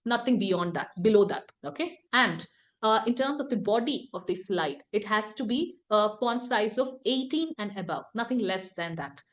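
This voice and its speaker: A woman's voice: mid-range voice, animated, normal speed. A woman presentation skills trainer giving an online class lecture over a video call, ending points with tag questions. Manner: tag questions, repeated emphasis.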